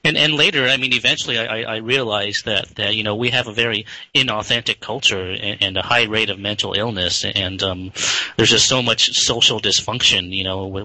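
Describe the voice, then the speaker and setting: A man, a guest in an interview, talking in a halting way with many repeated words and restarts. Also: lowish voice, bright, forceful tone, dry recording, low-quality recording. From San Francisco Bay Area, born in Taiwan. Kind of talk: interview talk.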